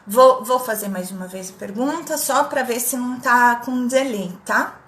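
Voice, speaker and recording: A Brazilian woman with a Brazilian Portuguese accent teaches English in a live online lesson, drilling pronunciation by repeating words and reading viewers' chat comments aloud. Her voice is fairly high and fairly bright, at a moderate pace, and sounds reverberant through a computer mic on the live stream.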